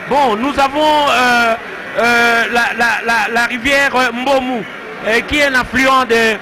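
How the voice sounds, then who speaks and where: Very high-voiced Congolese male football pundit. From Democratic Republic of the Congo. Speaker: football co-commentator. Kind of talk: live analysis and background commentary. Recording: noisy stadium broadcast. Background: stadium noise.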